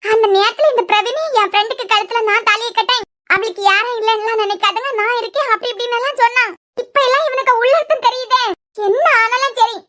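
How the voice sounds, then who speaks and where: A woman's voice: very high-pitched, pushed and bright. A woman voicing a bitter, scheming old grandmother in a cartoon serial, with a Kanyakumari Tamil accent.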